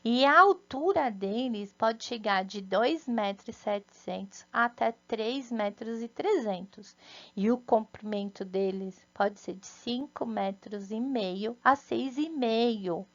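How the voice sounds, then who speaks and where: A Brazilian teacher speaks slowly and gently to small children, her voice a little high. She keeps asking if they follow along. The recording sounds dull and lo-fi. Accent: Brazilian Portuguese. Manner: slow, patient and sing-song, with frequent "né?" and "tá?" checks. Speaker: first-grade teacher. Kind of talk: recorded remote lesson for young children.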